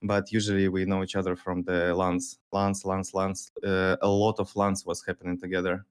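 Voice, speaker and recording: Low-voiced man, halting and laid-back. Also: monotone, clean tone. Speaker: guest, pro gamer. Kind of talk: casual interview chat.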